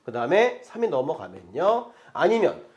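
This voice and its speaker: Lively male math teacher lecturing. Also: on the high side, moderate pace, dull audio, a little hiss or hum. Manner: lively, keeps checking in with rhetorical questions.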